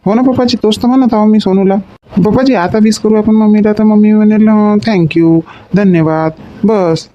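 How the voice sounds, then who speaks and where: An actor playing a grown son at home in a comedy sketch, pleading and repeating words. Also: male voice, high-pitched, steady tone, normal speed, dark tone, natural voice. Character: grown sons at home, eager and scheming. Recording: dull lo-fi recording with faint noise.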